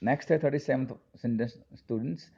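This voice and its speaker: A man's voice: mid-range voice, fast talker, a little mellow. A man teaching spoken English in Hindi, reading phrases aloud and repeating each English line for his students. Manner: reads sentence pairs aloud and repeats the English with a quiz-like "क्या बोलेंगे?". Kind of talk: Hindi-medium English lesson. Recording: dull lo-fi recording.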